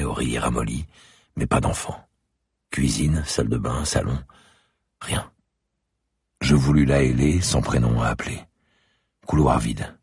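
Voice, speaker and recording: Brief: male audiobook narrator, measured and intimate, low and gravelly. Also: dry recording, studio quality. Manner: measured, intimate first-person telling.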